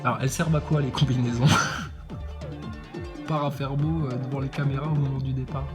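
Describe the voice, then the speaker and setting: A man's voice: medium pitch, fairly even intonation, moderate pace, over music. A man delivering a sarcastic, theatrical monologue, mocking as he goes, slipping into voices and laughing often. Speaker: vlogger mocking a public figure.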